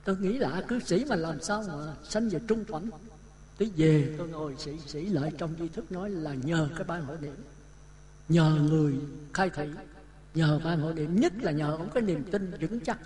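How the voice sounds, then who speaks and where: High-voiced Southern Vietnamese monk storyteller. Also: male voice, moderate pace. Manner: lively anecdotal telling, acts out dialogue. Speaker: Buddhist monk giving a dharma talk. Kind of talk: storytelling sermon. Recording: talk with audience sounds behind. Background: listeners laughing.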